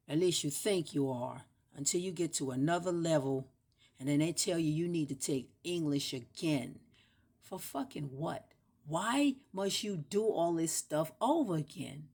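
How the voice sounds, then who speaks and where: Low-voiced woman ranting in a loose monologue. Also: breathy edge. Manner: rambling, emphatic, repeats words to make a point; breaks into playful shouts and drops to a whisper. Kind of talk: casual spoken monologue.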